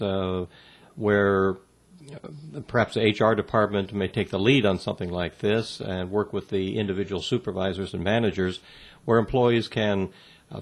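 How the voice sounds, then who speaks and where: Man, guest in an interview, low-pitched, measured delivery full of pauses and restarts. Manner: measured, halting, many fillers and restarts. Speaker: interview guest on workplace communication. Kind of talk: answering interview questions.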